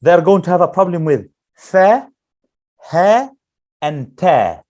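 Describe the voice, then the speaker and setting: A man's voice: high voice, big pitch swings, darkish tone. Man teaching letter sounds to a class. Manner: drills letter sounds slowly, asks the class questions. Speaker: Quran teacher.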